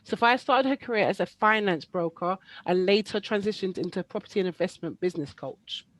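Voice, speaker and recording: An East London woman hosts an online webinar, chatting casually and dropping frequent ums. Her voice is medium in pitch and fairly quick, and the video-call audio sounds rough.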